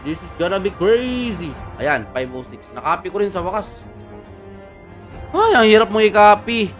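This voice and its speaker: High bright-voiced man streaming games. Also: normal speed, soft background music. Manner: excitable, chatty, teasing the opponent. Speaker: mobile game livestreamer. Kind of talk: casual live game commentary.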